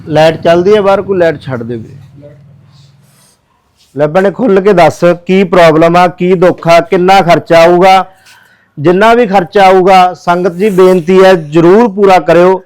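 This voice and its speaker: A man's voice: sits high, a little mellow, poor audio. A man who works as a social worker, pleading earnestly with viewers in a charity appeal video.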